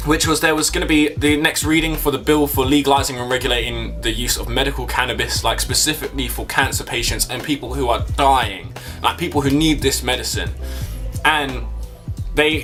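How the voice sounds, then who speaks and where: A man's voice: medium pitch, pushed and bright. A young man chatting casually to camera, telling a rambling, sweary story. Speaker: vlogger.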